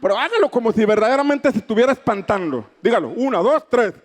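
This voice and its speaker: A man's voice: very high voice, big pitch swings, fast. A man preaching a sermon, fervent and declamatory, raising his voice for emphasis. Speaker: pastor.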